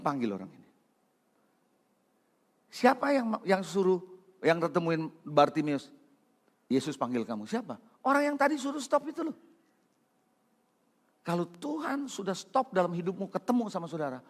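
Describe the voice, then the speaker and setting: A man preaching a sermon as pastor, calling out to the congregation and swinging from loud calls to hushed lines. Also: high voice. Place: church hall. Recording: long reverb of a large hall.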